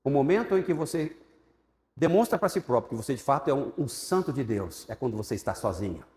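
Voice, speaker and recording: A man with a Brazilian Portuguese accent teaching Sunday school, telling his testimony as an animated storyteller who acts out the voices of people in it. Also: medium pitch, brisk. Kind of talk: sermon-style personal testimony. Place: church hall. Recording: echoey church hall with long reverb.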